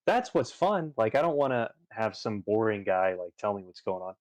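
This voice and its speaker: Low-voiced guy rambling on stream, lots of ums and restarts, dry close mic. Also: big pitch swings, moderate pace, darkish tone, dry recording. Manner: rambling, many fillers and restarts. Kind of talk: casual chat while gaming on a livestream.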